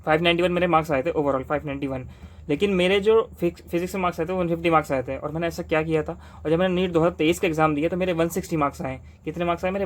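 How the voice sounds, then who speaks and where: A young man from Delhi giving exam study advice to camera in fast, insistent casual talk, repeating points with rhetorical questions. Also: on the high side. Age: young adult.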